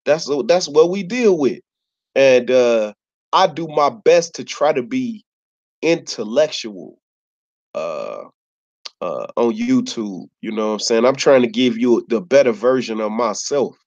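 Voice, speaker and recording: A man's voice: mid-range voice, animated, measured pace, a little mellow. Chicago guy chatting laid back on his channel, lots of "you know what im saying", kinda muffled sound. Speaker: YouTuber. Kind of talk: casual talk to camera. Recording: slightly dull lo-fi recording.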